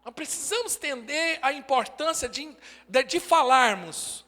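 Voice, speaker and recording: A pastor in his forties with a Brazilian Portuguese accent preaches in short, emphatic declarations. His very high voice is animated, bright and forceful, at a measured pace, and the recording carries long hall reverb.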